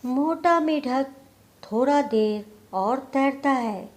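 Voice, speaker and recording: The narrator of this scripted moral story is a woman with a somewhat high-pitched voice. Her pacing is unhurried, in a classic storyteller fashion.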